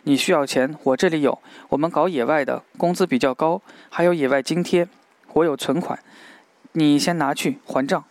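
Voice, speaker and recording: A man's voice: fairly high pitch, normal speed, no echo, natural voice. A man reading the lines of an earnest young male geologist who pleads with worry. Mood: pleading.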